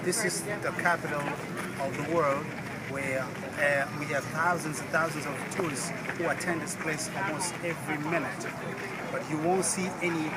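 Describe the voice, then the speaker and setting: Earnest man outdoors. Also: on the high side. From Democratic Republic of Congo. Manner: earnest and urgent, hesitant with frequent fillers. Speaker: activist speaking to camera. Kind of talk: impassioned outdoor address to camera. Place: outdoors on a large public mall. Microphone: phone camera. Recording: loud outdoor background noise.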